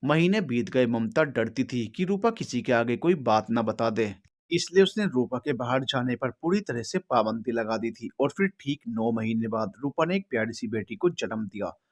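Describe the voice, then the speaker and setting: Male narrator, solemn and steady, reads a sad family story. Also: mid-range voice, normal speed.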